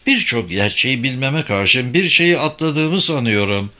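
A man's voice: mid-range voice, expressive, measured pace, sharp tone. A man reading an audiobook voices a confident young woman journalist who teases her companion. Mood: teasing, self-assured. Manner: teasing and self-assured.

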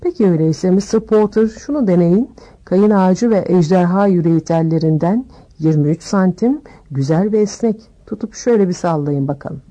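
A woman voicing an eccentric old male wandmaker who talks briskly and insistently, sinking to murmurs. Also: on the low side, mellow, lightly acted.

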